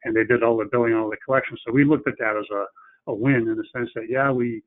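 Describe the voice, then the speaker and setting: A man presents in a webinar, talking fast in a medium-pitched, steady voice. His manner is plain and practical, and he often restarts his phrases over phone-like webinar audio.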